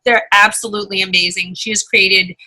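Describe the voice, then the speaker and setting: An American woman with a bright, forceful voice hosts a casual interview. She gushes emphatically and repeats her phrases, at an ordinary female pitch. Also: fairly even intonation, fairly quick, poor audio. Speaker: podcast co-host. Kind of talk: casual chatty interview hosting.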